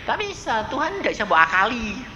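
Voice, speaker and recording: Male pastor with a Javanese accent, bright, high, lively voice, animated sermon delivery, echoey hall recording. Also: fairly quick, dull audio. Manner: animated storytelling preacher, swings from soft to loud. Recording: echoey hall with faint noise.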